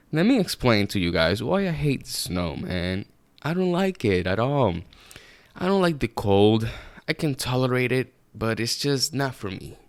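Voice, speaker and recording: A man's voice: medium pitch, no echo. A man, hosting a solo podcast from his apartment, rambling casually and swearing freely. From Puerto Rico. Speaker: podcast host. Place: apartment room.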